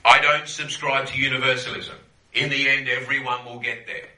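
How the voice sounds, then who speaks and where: A man's voice: mid-range voice, level tone, moderate pace, sharp tone, roomy sound, low-quality recording. A man teaching a Bible class to a group, conversational, often checking in with "yeah?" and repeating phrases for emphasis.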